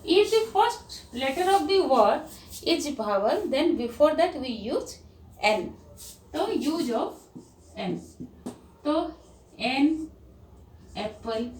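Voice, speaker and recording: A woman with an Indian English accent teaches grammar at an unhurried pace, her high voice rising and falling a lot. She spells words out letter by letter. The mic sits away from her in an echoey room with a faint hum behind. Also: a little mellow. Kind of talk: grammar lesson for children. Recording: roomy, distant mic, faint background hum.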